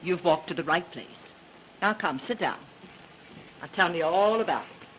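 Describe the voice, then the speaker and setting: A woman's voice: fairly low pitch, animated, normal speed, highs cut off, slight background noise. An actress playing a kindly, motherly woman who runs a neighborhood house, in early 1930s talkie film sound. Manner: kindly, fussing, reassuring.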